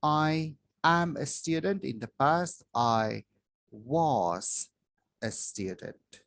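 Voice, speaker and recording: Slow, deliberate male English teacher. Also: a little high, animated, gravelly, a bit bright, no echo. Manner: slow, drawn-out reading with pauses. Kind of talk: slow worksheet walkthrough for children. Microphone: phone filming a worksheet from above.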